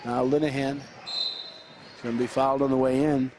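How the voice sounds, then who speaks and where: A man announces play-by-play for a high school basketball game, running through fast action with a flat delivery. He uses frequent fillers and restarts, and there's noise in the background.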